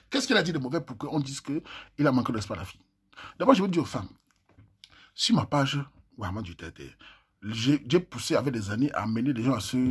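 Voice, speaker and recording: A man's voice: mid-range voice, breathy edge. A man with a Cameroonian French accent, reading messages aloud and joking with his viewers as a vlogger. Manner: joking, chatty, talks to viewers as little brother.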